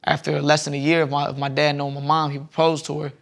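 A young adult man from the Southern United States, a podcast guest, tells rambling stories in a casual chat, restarting his sentences often. His fairly high voice is monotone, fast and creaky, picked up by a lapel mic in a studio lounge.

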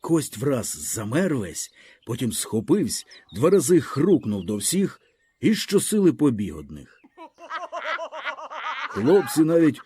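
A man's voice: mid-range voice, sing-song, slow, warm tone, husky. A man reading a literary story aloud as an audiobook narrator, telling it expressively and vividly.

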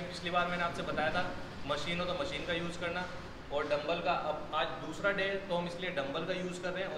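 On camera in an indoor gym, a young trainer and fitness channel host guides a trainee through a workout with instructions and upbeat praise. His voice leans high. The room echoes, and there's heavy background noise.

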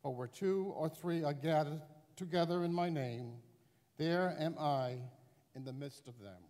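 A man's voice: fairly high pitch, a little slow, a little mellow. A man, a priest, proclaiming the Gospel at Mass in a formal, declaiming way, heard with a cathedral echo. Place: large church. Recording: distant mic in long church reverb.

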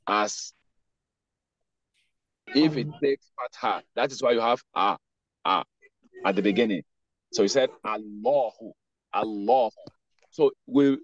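A man teaches pronunciation in an online class, slowly drawing out each word before he explains the rule. His voice sits in the middle range. The audio is dull and lo-fi, the way a video-call lesson sounds. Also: medium pitch, no room sound. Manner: drawn-out careful pronunciation of words, then explaining rules. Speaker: Arabic teacher. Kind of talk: online class with read-after-me drills.

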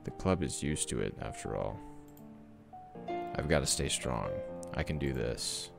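A cheerful but secretly sad teenage girl, as a man reads her lines in a deep voice. The reading is plain and a bit gravelly. Music plays steadily in the background. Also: expressive, a little slow, heavily acted. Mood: sad inner monologue. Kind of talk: reading game dialogue aloud.

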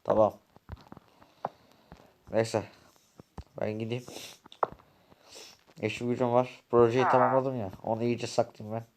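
A man's voice: mid-range voice, flat delivery, a little slow, pauses often, background noise. A man voicing all the roles in a game drama, talking in a casual, colloquial way on a home desk mic. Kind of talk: amateur game voice acting.

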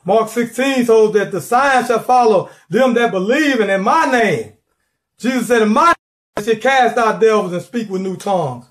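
A man's voice: high-pitched, moderate pace, a bit bright. A middle-aged man preaching a sermon from his living room, fervent and repeating words as he builds, calling for responses.

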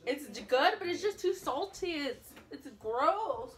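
A woman's voice: high voice, animated, slow. A young woman hosting a casual taste test, giving blunt verdicts while talking with her mouth full of candy. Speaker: vlog host.

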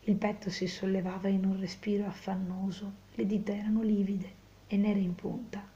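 A woman reading a classic novel aloud and pausing to explain it in conversational asides. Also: mid-range voice, flat delivery, dark tone, highs cut off. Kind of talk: storytelling with commentary.

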